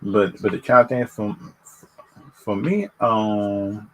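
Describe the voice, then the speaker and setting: A livestream host with a lowish, fairly bright male voice talks to viewers off the cuff, sharing his opinions. He is halting and repetitive, stammering over his words, and the recording quality is low.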